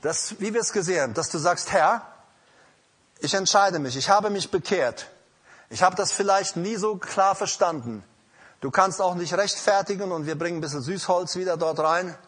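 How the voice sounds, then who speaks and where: Husky-voiced preaching pastor. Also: male voice, sits high, moderate pace, a bit bright. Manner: emphatic preaching, calls out "Hallo?" to the congregation. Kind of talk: sermon with altar call. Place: church hall.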